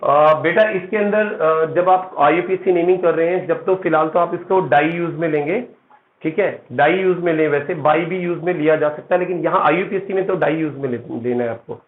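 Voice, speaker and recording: A man's voice: fairly high pitch, fairly quick. Tinny echoey male chemistry teacher. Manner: explains step by step with frequent "theek hai" check-ins; addresses students as "beta". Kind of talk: classroom lecture. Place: classroom. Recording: echoey room, tinny phone-like sound.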